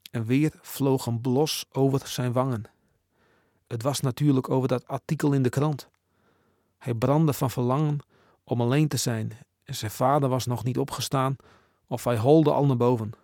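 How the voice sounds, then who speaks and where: A man narrating a storybook in a measured, expressive way. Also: mid-range voice, no room sound, clean studio sound. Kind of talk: storybook reading.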